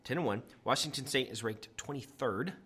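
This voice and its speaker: A man with a bright, forceful voice hosts casual sports banter. He is amped up and teasing, and his R's come out like W's. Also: mid-range voice, fairly quick, slightly rough. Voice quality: can't say his R's, pronounces r like w. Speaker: sports podcast host.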